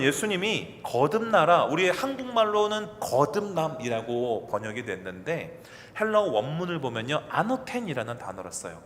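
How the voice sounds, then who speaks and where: A male pastor preaching a sermon to his congregation, acting out dialogue and putting questions to the listeners. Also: on the high side. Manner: lively, acts out quoted dialogue, asks the congregation questions. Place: church sanctuary. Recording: long hall reverb, faint ambient noise.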